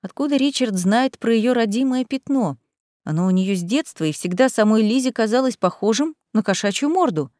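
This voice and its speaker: Woman audiobook narrator, playful and lively, close dry recording. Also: a little high, fairly quick, dry recording. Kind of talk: expressive storybook narration.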